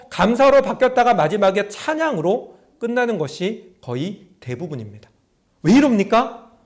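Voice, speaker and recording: A middle-aged male pastor preaching a sermon, telling stories, acting out prayers and asking his congregation questions. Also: high voice. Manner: storytelling preacher, acts out prayers in a raised voice; talks to the congregation directly, asking them questions.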